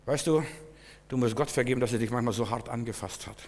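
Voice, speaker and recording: A man's voice: mid-range voice, quick pace. Preaching man in a reverberant hall. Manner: emotional preaching, swings from quiet to loud, repeats words. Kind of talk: sermon.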